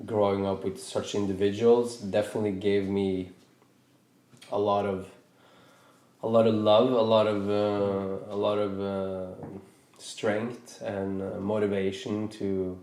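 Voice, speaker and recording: Speaking from a noticeably echoey room, a man from Norway in his thirties hosts a podcast, musing aloud at a slow pace and restarting his sentences again and again. The voice is low, warm and mellow, with a flat delivery that suits his thoughtful, hesitant reflection.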